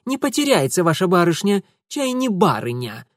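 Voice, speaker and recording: A reader doing a sassy young maid with a Ukrainian lilt. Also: female voice, fairly low pitch, very animated, normal speed, dry recording, clean studio sound, voice pushed up. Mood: sassy scolding. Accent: Ukrainian-flavored rural speech.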